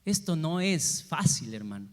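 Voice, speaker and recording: A man delivers a sermon in a high voice. He keeps asking his congregation questions and answering them, swinging between forceful emphasis and soft asides. The sound carries the long reverb of a church sanctuary. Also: sing-song, unhurried. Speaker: pastor.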